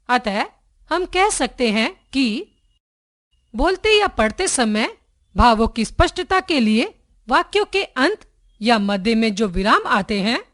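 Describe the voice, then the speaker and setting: A woman reading a grammar lesson from a school textbook, slowly and clearly, pausing after each item of a list. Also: a little high, a bit bright, no echo, studio quality.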